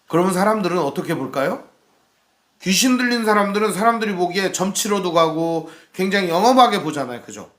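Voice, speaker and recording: A man preaching a sermon as pastor in a church, asking the congregation questions and acting out the shouts he quotes. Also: sits high, lively intonation, a little fast, echoey room.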